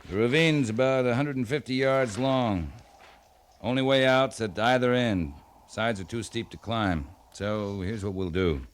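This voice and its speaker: An actor playing a seasoned, terse cavalry captain in an old-time radio western, laconic and authoritative. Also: male voice, medium pitch, measured pace, natural voice. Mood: briefing. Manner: laconic, authoritative, matter-of-fact.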